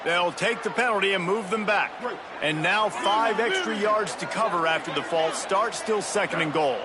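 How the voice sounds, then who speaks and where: A man's voice: high-pitched, moderate pace, heavy background noise, natural voice. A man giving play-by-play football commentary in the manner of a sports video game. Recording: loud stadium crowd and music behind.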